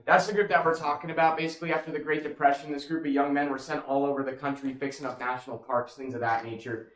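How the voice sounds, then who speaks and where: A man's voice: a little high, steady tone, quick pace, a bit bright. A man working as a cave tour guide, talking casually and jokingly to a group in an echoing cave. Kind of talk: informal guided tour talk. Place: inside a large cave.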